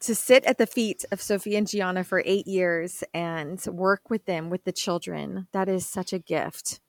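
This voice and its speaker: A woman's voice: on the low side, a little slow, creaky, no echo, clean studio sound. A woman hosting a faith podcast, speaking in an enthusiastic, encouraging way as she introduces and interviews a guest. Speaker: podcast host.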